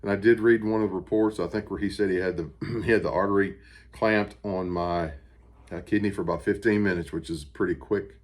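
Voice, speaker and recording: An American man with a deep voice talks casually to the camera in a personal update. His delivery is plain-spoken and unhurried, a little halting, with pauses as he gathers the next thought. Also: fairly even intonation. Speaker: vlogger recovering from surgery. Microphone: camera on a stand with ring light.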